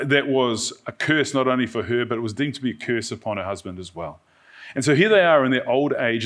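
A male pastor with a New Zealand accent preaches in a conversational style. His voice sits at a medium pitch, and he addresses his congregation directly, often checking that they follow. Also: fairly bright tone. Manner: checks in with listeners using short tag questions. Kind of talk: conversational evening sermon to a congregation.

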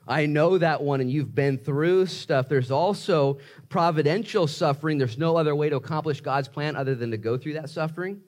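A man preaching a sermon in an emphatic, motivational way, talking straight to his listeners in conversational language with rhetorical questions. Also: fairly high pitch. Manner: emphatic motivational preaching, swinging from hushed asides to raised exclamations. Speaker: pastor preaching.

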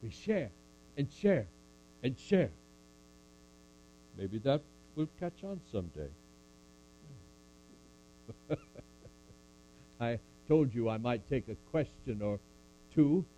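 A man performs a church puppet skit, voicing an older apostle who recites scripture, preaches to the crowd, then fields audience questions with dry, playful jokes. His medium-pitched voice is mellow, with lively intonation, a slow pace and long pauses. The recording is low quality.

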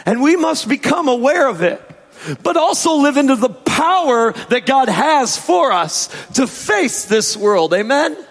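A male pastor delivers a sermon in a very high, hoarse voice that sounds strained from a sore throat. His pace is slow and emphatic, with stretched key phrases and an informal touch. Long hall reverb surrounds him. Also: lively intonation. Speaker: pastor preaching to congregation. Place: church service, amplified in a large room. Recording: echoey large hall reverb.

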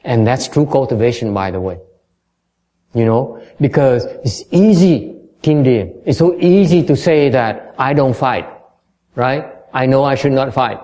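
Mellow-voiced male dharma teacher. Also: medium pitch, expressive, slow pace. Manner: explains in English, then repeats in Vietnamese, often stumbling over repeated words. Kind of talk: bilingual dharma lecture.

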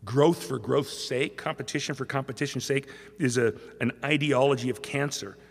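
A man's voice: mid-range voice, normal speed, creaky, slightly rough. A man preaching a sermon as pastor, telling stories in a conversational way and acting out the people he quotes. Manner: conversational storytelling, acts out quoted voices. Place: church sanctuary. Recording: long hall reverb.

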